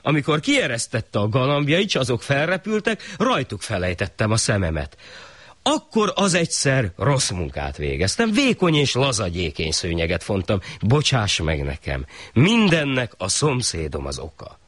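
A man's voice: medium pitch, huge pitch swings, a bit bright, dry recording, voice pushed up. A man voicing a humble mat weaver in a folk tale, explaining himself apologetically. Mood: apologetic.

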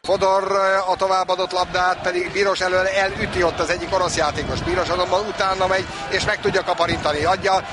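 A man giving excited live sports commentary on the radio. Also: sits high. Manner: excited, drawn-out shouts on goals. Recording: noisy outdoor venue broadcast.

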